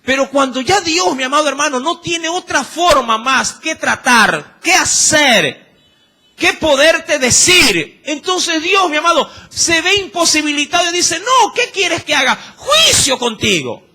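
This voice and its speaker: A man's voice: extremely high pitch, a little slow, bright, forceful tone. A man with an Ecuadorian accent preaching a sermon, emphatic and firing rhetorical questions at the congregation.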